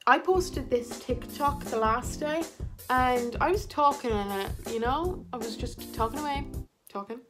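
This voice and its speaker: A young Irish woman chatting casually through a makeup vlog in her bedroom, rambling and goofy, with sudden loud silly outbursts. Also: high-pitched, a little slow, music in the background. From Ireland. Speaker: vlogger.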